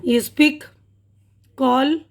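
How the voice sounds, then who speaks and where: Speaking in a high, steady voice with some vocal fry, a woman with a Pakistani Urdu accent reads English word lists aloud to teach vocabulary and pronunciation. She takes her time, repeats the words slowly, and checks in with her class using "theek hai na".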